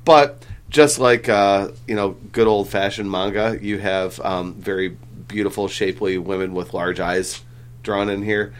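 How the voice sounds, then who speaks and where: A man's voice: on the low side, fairly even intonation, measured pace. A man hosting a casual podcast chat, rambling with lots of fillers and the odd swear. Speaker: comic book podcast host.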